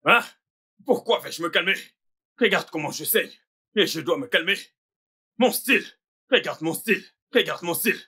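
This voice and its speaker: This is a boastful, hotheaded young fashion designer who rants about revenge. His voice is high, bright and husky. It comes from a French dub of a family drama. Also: animated, normal speed, pauses often, exaggerated voice. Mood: ranting. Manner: boastful, ranting threats.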